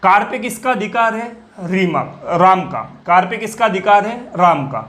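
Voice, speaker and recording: With a high voice, lively intonation, and a fairly bright tone, a man lectures on English grammar at a moderate pace. He keeps asking students questions only to answer them himself, his voice falling on the answers, and he repeats key words throughout.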